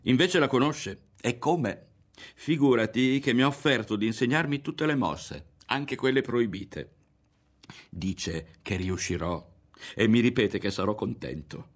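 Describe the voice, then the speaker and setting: A man voicing an excitable, touchy boy who talks in a raised, eager voice in an audiobook reading. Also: mid-range voice, measured pace, pitched above the performer's own voice. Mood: boastful.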